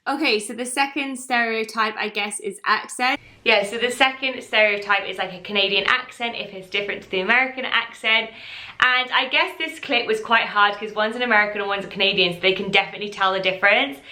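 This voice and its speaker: A woman's voice: mid-range voice, fairly quick, pushed and bright. A young English woman in her twenties, chatting to her viewers as a vlogger reacting to clips. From England. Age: 20s. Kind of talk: casual reaction commentary. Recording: echoey room.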